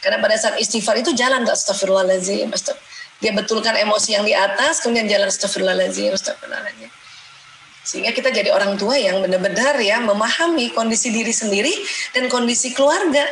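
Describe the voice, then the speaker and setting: A middle-aged woman giving a religious lecture in a lively, conversational way, acting out mothers' prayers and complaints. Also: on the high side, fast talker. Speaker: Islamic lecturer and doctor. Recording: roomy echo, faint background noise.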